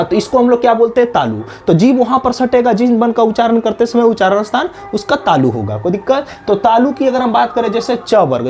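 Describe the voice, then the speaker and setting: A man teaching an exam-prep lesson, asking questions and answering them himself, dropping lower and softer on each repeated answer. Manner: drops low and soft on the repeated answer.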